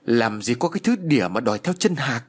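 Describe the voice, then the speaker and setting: A man voicing a panicked, sharp-tongued wealthy older village woman in a spoken horror story. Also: medium pitch, big pitch swings, normal speed, slightly rough. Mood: scornful.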